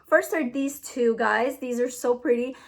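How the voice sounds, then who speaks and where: Young adult woman, high voice, enthusiastic casual haul vlogger. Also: a little slow, vocal fry. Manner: chatty, enthusiastic, giggly over a tongue-twister. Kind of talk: casual haul video chat.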